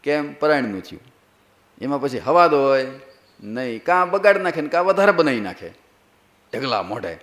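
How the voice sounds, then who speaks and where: A man's voice: medium pitch, moderate pace, pauses often. A man who is a monk preacher, telling a sacred story as a sermon. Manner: lively storytelling, acts out characters.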